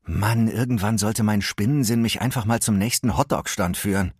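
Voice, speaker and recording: Wisecracking young hero, read by a man, low and slightly husky. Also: moderate pace, a little mellow, no room sound, clean studio sound. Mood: joking. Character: joking young male superhero.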